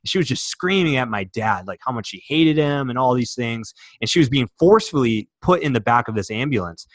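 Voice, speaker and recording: Man from michigan, young adult, mid-pitched voice, earnest storytelling, many fillers, dry sound. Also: expressive, a little fast, no echo. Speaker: podcast guest. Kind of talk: candid interview storytelling.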